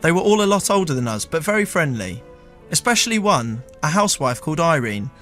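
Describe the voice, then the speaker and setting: A man hosting a comedy podcast, telling a funny personal story in a dry, deadpan way and stumbling a little when teased. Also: on the high side, fairly quick, soft background music. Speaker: storyteller host. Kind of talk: comic storytelling with banter.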